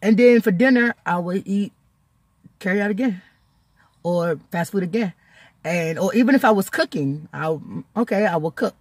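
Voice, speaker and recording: A woman vlogger speaks in a casual, chatty video diary, tearful and nearly crying but breaking into laughter often. Her husky mid-range voice moves at normal speed in a dry recording.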